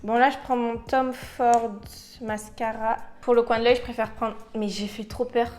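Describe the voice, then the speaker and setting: A woman's voice: on the high side, flat delivery, moderate pace, a little mellow, soft background music. A young woman chatting casually through a makeup tutorial, slipping into English phrases and bursting into playful outbursts. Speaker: beauty vlogger.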